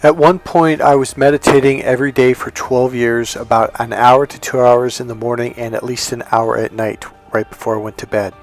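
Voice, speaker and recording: Recounting his own past to viewers, this middle-aged American dating coach from California speaks at a medium pitch with a steady tone, a moderate pace and hardly any pauses. His storytelling is conversational and digressive, aimed straight at the viewer, over faint music.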